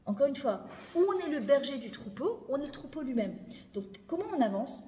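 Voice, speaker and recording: Animated woman teaching in an echoey hall. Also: sits high, brisk. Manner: animated, emphatic, repeats phrases, mixes Hebrew words into speech. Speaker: Torah teacher. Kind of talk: spoken lesson to a women's audience. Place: lecture hall. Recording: echoey hall, faint background noise.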